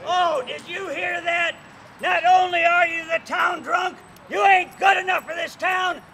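A man's voice: very high-pitched, fairly even intonation, unhurried, gravelly, pushed and bright, raised voice, heavily acted. An older man playing a bossy, goading gunfighter in a live comic Wild West show, exasperated and declaiming. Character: bossy, goading cowboy gunfighter, scheming troublemaker. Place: outdoors in a park. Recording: outdoor park show with noisy crowd.

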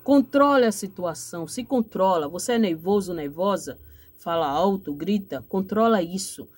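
A Brazilian woman reads tarot cards straight to her viewers. Her talk is warm-hearted and repetitive, full of pet names and little checks for agreement. She gives motherly advice and ends with blessings. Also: medium pitch, expressive, normal speed, breathy edge. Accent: Brazilian Portuguese. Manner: affectionate, repetitive, ends phrases with "tá?". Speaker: tarot card reader. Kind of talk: direct-to-camera tarot reading.

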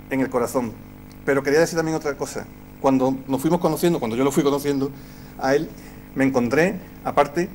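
A film director giving a tribute speech at a gala, chatting through stories and acting out the quotes. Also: male voice, mid-range voice, slight background noise. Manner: chatty storyteller who acts out the quotes.

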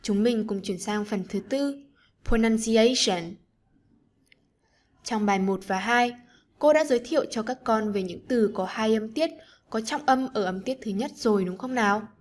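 A woman teacher narrating an online lesson for children, gentle and encouraging as she speaks to the pupils. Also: a little high, measured pace.

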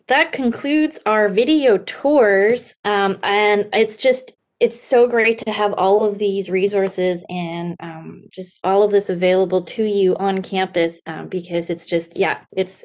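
A woman's voice: mid-range voice, a little slow, hardly any pauses. A young woman hosts an online event from a room at home through her laptop mic. She sounds enthusiastic but hesitant, padding lines with fillers. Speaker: host and instructor. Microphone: laptop webcam on a video call.

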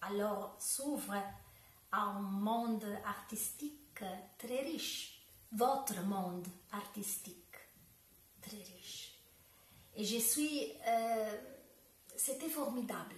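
Woman with an Italian accent, slow and searching. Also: medium pitch, distant mic. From Italy. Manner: slow, searching French with restarts and Italian words. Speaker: dance teacher. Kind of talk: direct-to-camera video talk. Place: home room with bookshelves, indoors. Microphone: camera a few metres away. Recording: echoey room.

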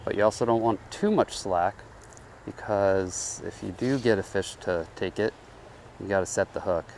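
Vlogging from a riverbank while fly fishing, a man chats casually to viewers, calling them guys, and explains his casting in a relaxed way. His voice is fairly low at normal speed. A head-mounted action camera records him outdoors with slight background noise.

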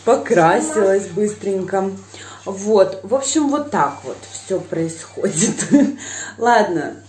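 Filmed on a phone held at arm's length in a small room at night, a woman in her thirties chats with her viewers in a casual home vlog. Her mid-range, darkish voice is animated yet slow, and the sound is reverberant. She's chatty and addresses viewers directly.

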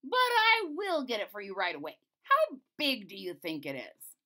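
A woman voicing a clever, gentle male court jester in a storybook reading, talking in a bright, coaxing way. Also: mid-range voice, huge pitch swings, moderate pace. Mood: earnest, coaxing.

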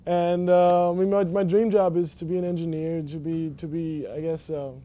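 A young college athlete from Germany answers questions in a relaxed, halting way, full of ums and restarts. His voice is mellow and a little high for a man. He sits in an empty indoor arena. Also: a little hiss or hum. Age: young adult. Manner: hesitant, many fillers and restarts. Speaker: college basketball player. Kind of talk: casual interview answers.

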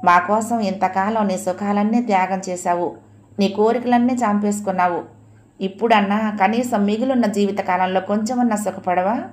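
A woman's voice: medium pitch, fairly even intonation, moderate pace, natural voice. A woman voicing a bitter young daughter. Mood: resentful. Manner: blunt and reproachful. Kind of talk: audio novel reading.

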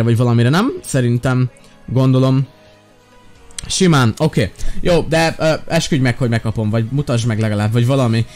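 A young man chatting casually while playing a game, joking and sounding exasperated as he talks to his companions. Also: a little high. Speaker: Minecraft gaming video host. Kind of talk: casual gameplay chat. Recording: faint background music.

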